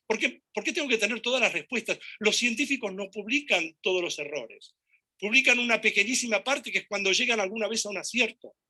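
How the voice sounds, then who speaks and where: A man with a Rioplatense accent tells a story to an audience in an animated, lively way. His voice is rather high and very bright. He keeps acting out conversations and gestures as he talks. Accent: Rioplatense Spanish. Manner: animated, acts out dialogue and gestures while telling anecdotes. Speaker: speaker giving a talk.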